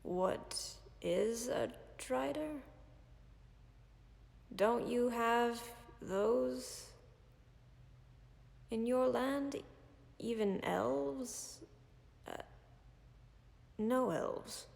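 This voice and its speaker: Voicing a gentle female dragon for a listener's audio roleplay, a woman uses an exaggerated, deeply gravelly voice heavy with fry. Her mood is calm and tender; she speaks softly and very slowly, frequently close to a whisper, each phrase trailing into long reverb.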